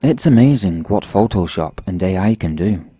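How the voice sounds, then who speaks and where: Casting: a man as a coldly calm killer ex, very deep dark husky voice, dry sound. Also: moderate pace, no room sound. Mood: mocking. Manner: unnervingly calm, mocking. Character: calm menacing male killer ex-boyfriend. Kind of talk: horror story voice acting.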